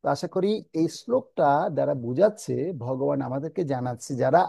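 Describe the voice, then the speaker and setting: A man teaching a scripture class, chanting verses slowly and then explaining their pronunciation step by step. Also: a little high, expressive, gravelly, warm tone, dry recording.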